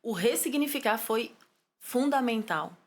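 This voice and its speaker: A Brazilian woman, a psychologist and pastor, telling her life story in an interview with fervent, animated energy. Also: on the high side, unhurried. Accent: Brazilian Portuguese. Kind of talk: testimony interview.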